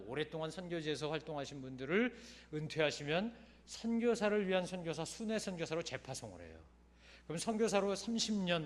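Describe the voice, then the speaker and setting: A man preaching a Sunday sermon as a pastor, telling a story in a colloquial, emphatic way that swings from loud stresses to soft, trailing phrase ends. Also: fairly high pitch.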